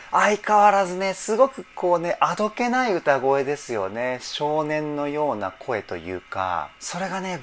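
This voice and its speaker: Animated man reacting to a song. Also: fairly high pitch, slight background noise. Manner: emotional, repeatedly laughing and moved. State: teary. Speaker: vocal trainer. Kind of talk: song reaction and vocal analysis.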